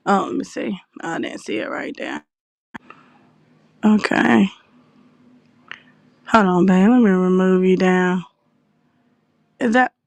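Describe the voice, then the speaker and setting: A woman's voice: lowish voice, steady tone, slow pace, gravelly, pauses often, no room sound. A woman hosting a casual livestream, heated and swearing as she greets her viewers by name. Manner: heated and profane, reading out shout-outs to viewers. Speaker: livestream host.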